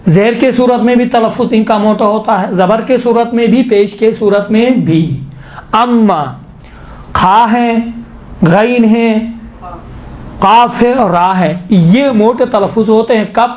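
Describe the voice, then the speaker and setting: A man teaching tajweed in a lesson, explaining rules, quizzing students and slowly demonstrating recitation. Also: high-pitched, a little mellow.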